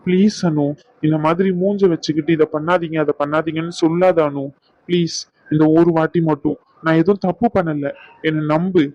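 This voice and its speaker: A man's voice: on the high side, fairly even intonation, moderate pace, a little mellow, dry recording, lo-fi sound, lightly acted. A man voicing a stubborn, vengeful young doctor in a cartoon, speaking in a defiant, insistent way. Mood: pleading. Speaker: voice actor. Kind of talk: cartoon dub acting.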